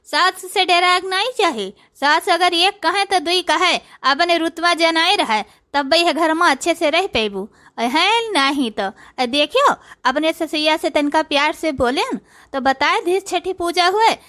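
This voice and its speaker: A woman's voice: extremely high pitch, sharp tone. A woman voicing a bold, scheming young daughter-in-law in a cartoon, with an Awadhi accent and a sassy, boastful manner. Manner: sassy, boastful, talks to the audience. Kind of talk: comic cartoon dialogue.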